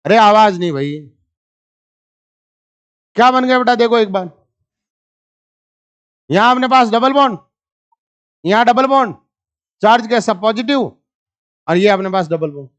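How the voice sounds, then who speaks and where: A man's voice: high voice, lively intonation, measured pace, pauses often, fairly bright tone, smooth. A male chemistry teacher, giving a live classroom lecture, teasing his students and walking them step by step through structures while asking them for answers.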